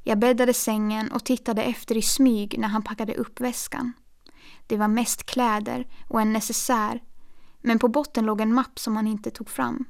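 A woman reads a first-person story aloud in a calm, measured voice. Her fairly high voice stays flat in melody and carries a gravelly fry. The delivery is steady, with dry little asides. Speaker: audiobook narrator.

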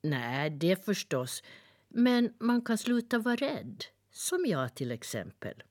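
A woman voicing a chirpy little talking nightingale from a dream world, chirping and excited as she reads a storybook aloud. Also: mid-range voice, no room sound, studio quality, pitched above the performer's own voice, natural voice. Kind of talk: storybook reading.

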